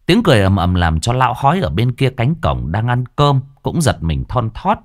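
A man telling a comic story in lively, earthy slang. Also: medium pitch, moderate pace.

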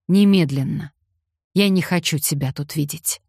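A woman's voice: low-pitched, moderate pace, darkish tone, dry recording, studio quality. Woman voicing a bitter, mocking nobleman. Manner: hoarse, sarcastic outbursts. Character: bitter, mocking young male aristocrat in love.

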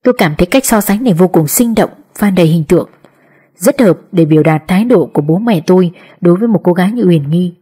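Husky low-voiced woman narrating a story. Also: expressive, fast talker, warm tone. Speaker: audiobook narrator. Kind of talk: scripted narration.

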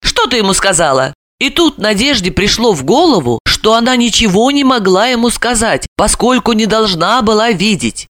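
A woman narrating a novel in measured, expressive storytelling. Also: a little high. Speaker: audiobook narrator. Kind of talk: scripted narration.

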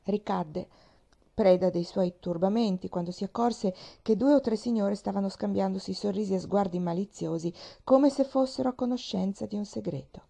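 A woman reading a classic novel aloud as an audiobook, in a steady, measured way. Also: medium pitch, creaky. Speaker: audiobook reader.

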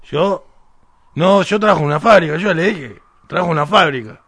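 A shifty factory-worker suspect stalls under questioning in a radio comedy sketch, played by a man. His voice sits a little high, he speaks, and he hesitates over long, drawn-out fillers. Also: fairly bright tone, husky, no echo. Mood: evasive.

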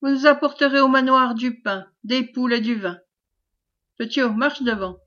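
Casting: a woman reading a hearty, teasing knight, round good-natured voice, slightly high, dull lo-fi storybook audio. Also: moderate pace, a bit bright. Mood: commanding. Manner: teasing, laughing. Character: jovial, hearty male knight, good-humoured.

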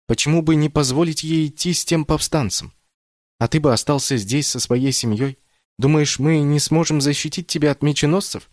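Brief: male reader playing an older woman storyteller, doting and proud, raised pitch, dry audiobook read. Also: a little fast, no room sound, natural voice. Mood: earnest. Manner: tender, pleading, then proudly stern.

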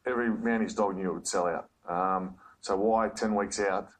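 Low-voiced guy in an interview clip, quick and rambling, faint background noise. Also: fairly even intonation. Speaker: retiring player.

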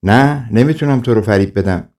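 A man's voice: medium pitch, darkish tone, lightly acted. A man voicing a clever, cheeky wandering trickster in a folk tale audiobook, speaking slyly and self-assured.

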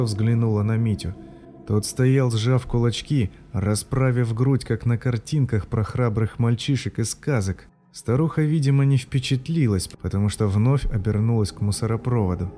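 A man narrating an audiobook in a measured, even way. His voice sits at a middle pitch, with a dark, mellow tone. Faint music plays softly behind him.

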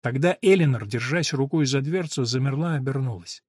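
A man reading an audiobook in scripted narration, measured and even, recorded on a close studio mic. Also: medium pitch, husky, no room sound.

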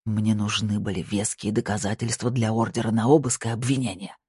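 A narrator voicing a retired older male judge who mutters low and wearily and dodges the questions, with a husky tone. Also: steady tone, brisk, darkish tone, dry recording, clean studio sound, heavily acted. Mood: weary.

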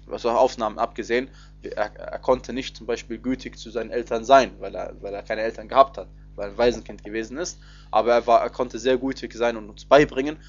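A man teaches a spoken religious lesson, talking it through conversationally with plenty of pauses and restarts. His voice sits at an ordinary male pitch. The recording is a little dull and lo-fi. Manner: explains in a loose, conversational way with many hesitations and restarts. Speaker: Quran commentary teacher.

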